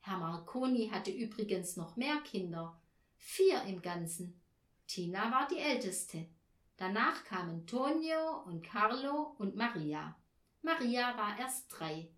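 A woman reading a children's story aloud as narrator, with slow, lively storytelling intonation. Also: medium pitch. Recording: roomy echo.

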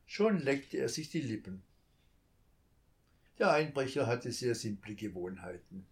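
Slow, calm male storyteller. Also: mid-range voice. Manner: slow, calm, measured reading. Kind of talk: scripted story narration.

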